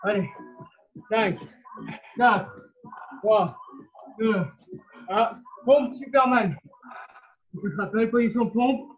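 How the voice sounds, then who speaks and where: A man's voice: high voice, slow, long pauses. A man coaching a live workout class like a barking gym coach, urging people on with short commands and countdowns. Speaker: fitness coach leading a live cardio workout. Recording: dull lo-fi live stream sound.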